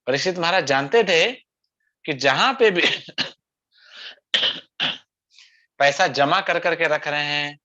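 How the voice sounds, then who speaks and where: Preacher man with a slightly high voice. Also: slow pace, pauses often, sharp tone. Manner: conversational, tags questions with rhetorical asides. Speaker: scripture preacher. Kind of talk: scripture discourse sermon. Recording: dull lo-fi sound.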